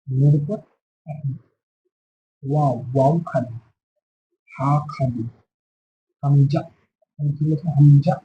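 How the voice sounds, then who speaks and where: A man's voice: a little high, dark tone, slight background noise, poor audio. A man teaching a beginner Quran letter class, patiently repeating each letter and answering his own questions. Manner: asks questions and answers them himself. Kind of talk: beginner Arabic letter lesson.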